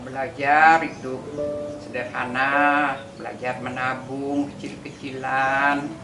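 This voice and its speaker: A woman in her sixties, a grandmother, calmly answering interview questions in simple, measured phrases. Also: a bass voice. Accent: Indonesian. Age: 60s. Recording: echoey room with loud music behind.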